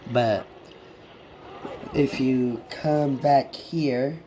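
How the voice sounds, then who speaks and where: Slow-talking man with a stuffed-up nose. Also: mid-range voice, fairly even intonation, dark tone, slight background noise. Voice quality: congested. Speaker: gamer giving a video game tour. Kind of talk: casual rambling game walkthrough.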